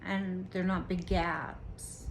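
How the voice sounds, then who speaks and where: Slow, earnest woman speaking to camera. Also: on the low side, flat delivery, slight background noise, poor audio. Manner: earnest, slow and deliberate, with occasional restarts. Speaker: vlogger sharing her own experience. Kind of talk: personal reflective monologue to camera.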